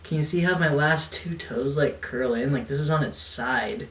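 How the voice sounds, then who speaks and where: At home, a young man vlogs casually as he unboxes gear, his slightly high, fairly bright voice at a normal speed. He's chatty and self-mocking, tossing in jokey asides, captured by a distant camera mic in a roomy, noisy space.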